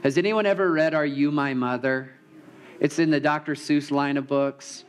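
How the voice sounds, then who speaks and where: A man's voice: a little high, moderate pace, smooth. Heartfelt man preaching a sermon. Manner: heartfelt, openly emotional storytelling. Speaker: pastor. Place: church.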